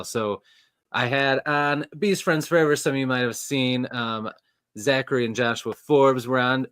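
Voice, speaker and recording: A man's voice: medium pitch, fairly bright tone, dry recording, studio quality. A man in his forties hosting a casual live chat, talking in a rambling, friendly way and laughing often, recorded in a storage room. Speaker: host. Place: storage room next to a furnace.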